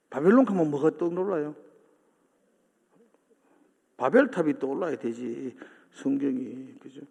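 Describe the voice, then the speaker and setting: A man's voice: a little high, creaky, a little mellow. A male pastor preaching a sermon in a church, often asking the congregation questions and seeking their agreement. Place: church sanctuary. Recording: long hall reverb from a church.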